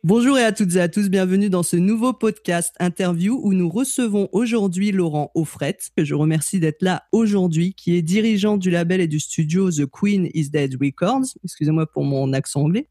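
A man's voice: high voice, fairly quick, few pauses, mellow, no room sound, studio quality. A man hosting a podcast interview, chatting in a friendly way with frequent filler sounds. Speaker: podcast host. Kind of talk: casual interview chat.

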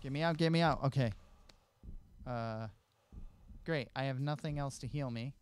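A man's voice: medium pitch, normal speed, slight background noise. A young man giving casual gameplay commentary on a headset, reacting aloud with mild exclamations. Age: young adult. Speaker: let's play host.

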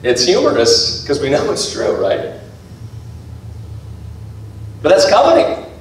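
A man's voice: fairly high pitch, huge pitch swings, slow pace, very echoey, distant mic, poor audio. A man preaching a sermon as pastor of a church, talking in a conversational way and acting out everyday voices. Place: church sanctuary.

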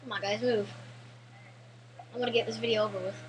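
A woman's voice: on the high side, steady tone, a little fast, noisy background. A teenage girl giving casual, rambling, jokey gameplay commentary full of "like" and restarts.

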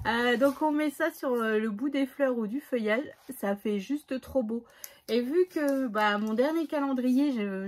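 Casual woman vlogger, slightly high, rambling with fillers. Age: adult, has a son. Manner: chatty, hesitant, many fillers. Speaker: scrapbooking vlogger. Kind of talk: casual haul chat.

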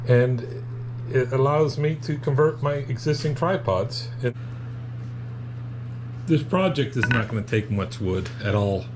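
A man explaining a woodworking project in a casual, unhurried how-to manner, with fillers as he goes, recorded in a home shop. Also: mid-range voice, background noise. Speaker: woodworking hobbyist.

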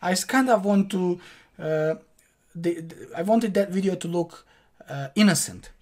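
Speaking from his home office, a young Croatian man runs through a screen-share tutorial as an online course instructor. His voice is high and animated with a darkish tone and a measured pace, his Croatian accent clear, and his casual delivery packed with fillers and restarts.

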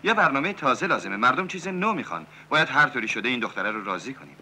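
A man playing a scheming, smooth-talking cabaret owner in a dubbed 1970s film. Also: medium pitch, very animated, sharp tone, slight background noise.

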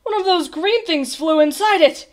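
A woman voicing a blustery, excitable male royal trumpeter in a storybook, loud and exclamatory. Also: on the high side, unhurried. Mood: flustered. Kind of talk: storybook character voice.

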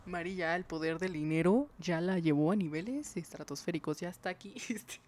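A woman's voice: lowish voice, fairly quick, a little mellow. A young woman, streaming a dating game, reading its dialogue aloud and joking with her chat. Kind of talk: live game commentary.

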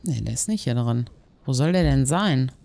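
A man giving casual, slangy gameplay commentary, thinking out loud as he goes. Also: mid-range voice, animated, moderate pace, creaky. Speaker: let's player. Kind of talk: casual gameplay commentary with quest text read aloud.

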